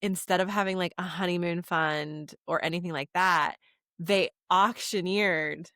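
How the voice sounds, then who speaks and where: A woman's voice: lowish voice, fairly even intonation, measured pace, pushed and bright, no room sound, clean studio sound. A woman co-hosting a podcast, telling chatty, rambling anecdotes full of fillers in casual conversation. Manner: chatty storyteller, lots of "like". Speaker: podcast co-host. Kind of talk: casual chat.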